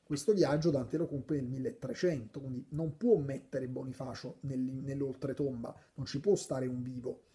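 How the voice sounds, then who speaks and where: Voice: mid-range voice, steady tone, normal speed, hardly any pauses, mellow. A speaker casually explaining a poem, thinking aloud with frequent restarts and now and then reciting verses. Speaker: literature explainer.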